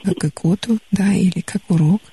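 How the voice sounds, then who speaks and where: On a call-in radio show in a studio, a woman psychologist counsels a caller, offering calm, gentle advice. Her voice is fairly low and slightly rough, at a moderate pace.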